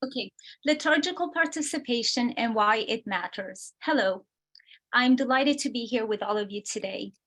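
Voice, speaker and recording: Woman speaker from Romania, slightly high voice, measured lecture delivered over a video call. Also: expressive, fairly bright tone. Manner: measured, explanatory, reads from slides. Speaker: guest speaker. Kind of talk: prepared lecture.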